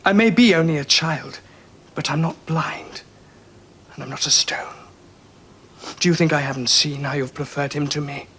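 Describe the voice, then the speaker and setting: Bitter young prince Britannicus. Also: male voice, on the high side, steady tone, moderate pace, fairly bright tone, husky. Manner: bitter, reproachful. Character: resentful young prince, bitter unloved son. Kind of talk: 1970s television period drama.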